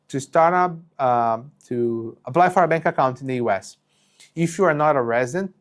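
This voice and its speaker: A Portuguese-native company co-founder in his 30s answers live questions about business rules from a home studio with shelves and green lighting. His voice is fairly high, and he's chatty and conversational, full of "uh," restarts, and check-ins like "okay?"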